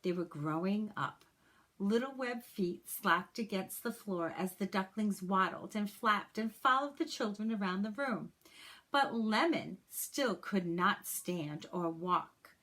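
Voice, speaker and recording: Like a teacher at story time, a woman reads a picture book aloud in a medium-pitched voice. Her phrasing is expressive and unhurried, and she speaks directly to the children with personal asides.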